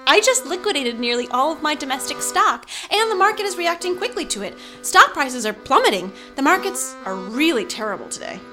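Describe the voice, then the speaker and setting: An actress playing a smooth, sinister corporate woman hosting a radio show in an audio drama, coolly persuasive, with faint music behind her. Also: sits high, sing-song, fairly quick, few pauses, sharp tone, full character voice. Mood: silky menace.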